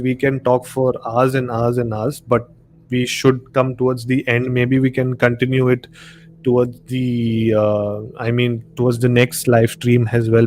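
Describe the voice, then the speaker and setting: A man with an Indian accent hosts a casual live stream discussion in a slightly mellow, mid-range voice. He rambles a little and leans on repeated words for emphasis. Clear background noise and room ambience surround him.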